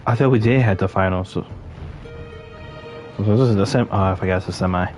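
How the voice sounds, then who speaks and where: A man's voice: fairly low pitch, brisk, a little mellow. A man streaming a game, reacting in loose, profane slang. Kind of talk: casual game commentary. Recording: game music playing behind.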